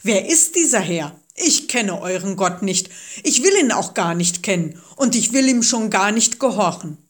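A woman voicing an arrogant, angry male king in a storybook, loud and domineering. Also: mid-range voice, lively intonation, moderate pace, close to an everyday voice. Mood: indignant.

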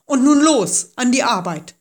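A woman voicing an arrogant, angry male king in a storybook, loud and domineering. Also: a little high, animated, unhurried, pitched above the performer's own voice. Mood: indignant.

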